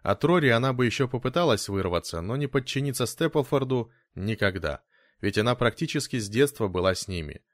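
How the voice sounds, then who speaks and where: A man reading a novel aloud as a steady audiobook narrator. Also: medium pitch, fairly quick, no echo, studio quality. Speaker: audiobook reader. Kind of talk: scripted narration.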